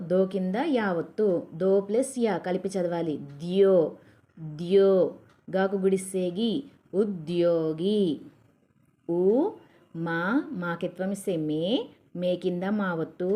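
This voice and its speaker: A woman teaching children to read, spelling words out syllable by syllable in a patient, slow manner. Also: on the low side, dark tone. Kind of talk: reading lesson for children.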